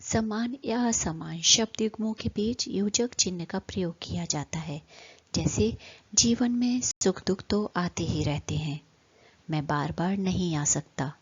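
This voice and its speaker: Slow, careful woman teaching grammar. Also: on the low side, husky. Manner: slow, careful reading with deliberate pauses. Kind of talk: scripted grammar lesson for children. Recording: slightly dull lo-fi voice-over with faint noise.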